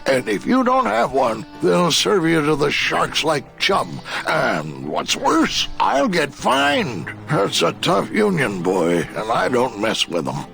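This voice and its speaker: An actor playing a salty old dockmaster in an adventure game, with a gravelly voice and a folksy, teasing, drawling manner. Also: male voice, a little high, huge pitch swings, slow, hardly any pauses, a bit bright, soft background music, heavily acted. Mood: stern. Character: salty gruff old male harbor dockmaster, wry and folksy. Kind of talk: animated adventure game dialogue.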